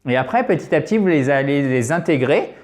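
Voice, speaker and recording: A man teaching English to French speakers in an online lesson. He explains patiently, step by step, repeats words slowly to model pronunciation, and addresses viewers directly as friends. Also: a little high, animated, darkish tone.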